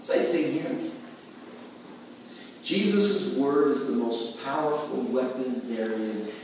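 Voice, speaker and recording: A man preaching a sermon, animated and acting out quotes in different voices. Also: mid-range voice, takes it slowly, a little hiss or hum. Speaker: pastor. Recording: roomy hall, distant mic.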